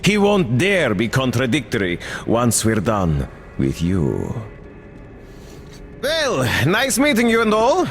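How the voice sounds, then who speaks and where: An actor playing a smug, mocking cannibal leader who talks like a polite official, in a video game. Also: male voice, medium pitch, huge pitch swings, slow pace, big-room sound, faint music behind, full character voice. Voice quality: mocking, smooth and theatrical.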